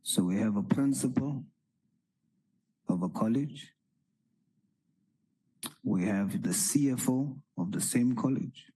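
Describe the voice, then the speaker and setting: A man's voice: medium pitch, takes it slowly, long pauses, mellow, slightly rough, rough recording. A man questioning a witness at a formal hearing, pressing hard and repeating his questions. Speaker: parliamentary committee member.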